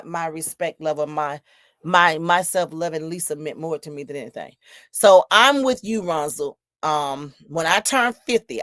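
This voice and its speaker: A woman's voice: low-pitched, a bit bright, dry recording, studio quality. A woman, hosting a solo podcast and reading out viewer comments in an emphatic, preachy, storytelling way. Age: 50s. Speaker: podcast host.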